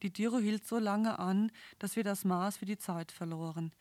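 A woman reading a novel aloud in the first person with steady, earnest storytelling. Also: mid-range voice, normal speed, no room sound. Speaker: audiobook narrator.

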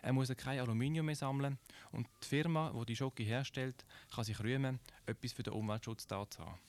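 A man's voice: mid-range voice, a little hiss or hum. Swiss-accented man explaining on radio. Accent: Swiss German. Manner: measured, explanatory, poses rhetorical questions. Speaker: radio presenter. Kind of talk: scripted radio commentary.

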